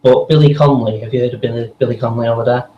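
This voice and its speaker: A man's voice: medium pitch, fairly even intonation, very fast, warm tone, roomy sound, lo-fi sound, slight background noise. A man, a voice actor and podcast guest, chatting enthusiastically and rambling with many fillers. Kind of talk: casual interview chat.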